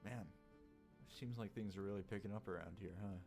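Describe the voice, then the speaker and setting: A man's voice: on the low side, steady tone, moderate pace, creaky, a little mellow, faint music behind. A man playing a tabletop game, chatting casually as his character.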